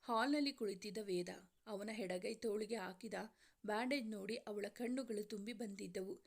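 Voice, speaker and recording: Woman storyteller, romance serial narration, calm, mid-pitched. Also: normal speed.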